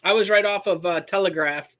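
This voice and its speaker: A man from Michigan runs a live question-and-answer stream, talking loosely and correcting himself as he goes. His voice sits fairly high and sounds bright and forward. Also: brisk. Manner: rambling, self-correcting, reads chat names aloud. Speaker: host answering viewer questions.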